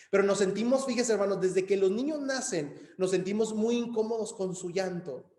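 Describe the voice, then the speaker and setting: A man's voice: sits high, a little mellow, echoey room. A man preaching a sermon in a conversational way, often asking "right?" and addressing the congregation as brothers. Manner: conversational, frequent "¿verdad?" and "hermanos", many hesitations.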